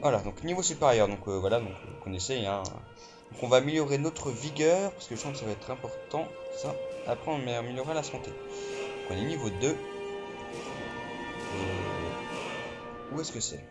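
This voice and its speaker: An excitable gamer narrates his play in loose let's play commentary, swearing often and stumbling over fillers. His voice sits in an ordinary middle pitch at a moderate pace with frequent pauses, and game music runs clearly underneath.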